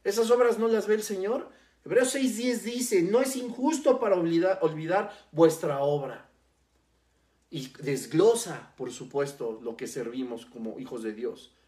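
A preacher delivering a sermon, stressing key words by slowing down and repeating them. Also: mid-range voice, mellow. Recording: roomy echo.

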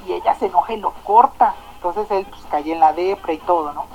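Mexican lady on the radio, slangy and animated, kinda muffled sound, soft music behind. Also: fairly low pitch, fairly quick. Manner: chatty, slangy, animated storyteller. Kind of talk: casual storytelling chat.

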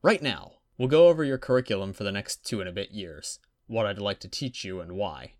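A man voicing a calm, self-assured boy who acts as a teacher, speaking in a measured, coaxing way in a dry, close recording. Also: lowish voice, dry recording, natural voice.

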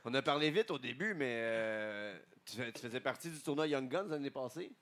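A middle-pitched man's voice with a Quebec French accent. He speaks as a podcast co-host, slangy and informal, bantering with the people at the table. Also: expressive, a little fast, a bit bright.

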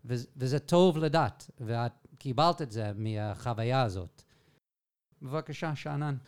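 A man hosting a podcast in casual chat, relaxed and dropping in English phrases. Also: medium pitch, clear, resonant tone.

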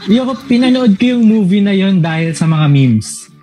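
Medyo mataas ang boses ng lalaking madaldal. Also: male voice, sits high, expressive, normal speed, over a noisy crowd. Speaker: podcast co-host. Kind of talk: casual chat.

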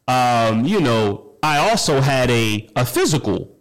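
A man's voice: mid-range voice, big pitch swings, a little slow, low-quality recording. A man who stutters, giving a personal motivational talk, repeating words and restarting phrases with a constant "you know what I mean".

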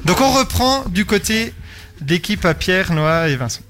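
A man hosting a quiz game on a radio show, lively and playful. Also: high voice, unhurried.

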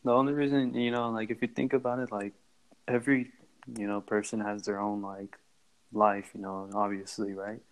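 A man's voice: fairly low pitch, little pitch movement, moderate pace, low-quality recording. A young man co-hosting a casual podcast, rambling with lots of fillers, with a sore throat. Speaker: podcast co-host. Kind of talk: casual chat.

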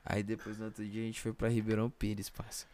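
A man's voice: lowish voice, completely flat delivery, fast talker, a crowd in the background. A young man with a Brazilian Portuguese accent telling anecdotes in casual, slangy chat full of verbal tags. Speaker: rapper, podcast guest.

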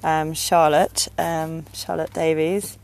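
Lower-voiced chatty woman podcaster. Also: level tone, takes it slowly, gravelly, darkish tone, rough recording. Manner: chatty, many ums. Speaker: podcast co-host. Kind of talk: casual chat and poetry reading.

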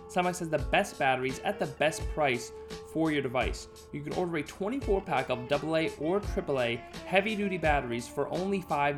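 A man, a podcast host, delivering a scripted hard-sell sponsor ad. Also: on the high side.

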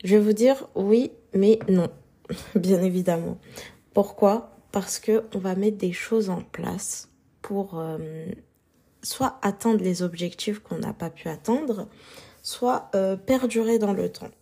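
A woman with a sore, husky throat, talking informally and thinking aloud as she hosts a relaxed, unscripted solo podcast. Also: medium pitch, slow. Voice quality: husky, soft-edged. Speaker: podcast host.

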